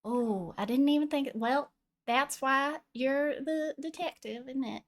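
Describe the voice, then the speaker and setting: A woman's voice: high-pitched, a little slow. A woman playing a tabletop game, chatting casually in character.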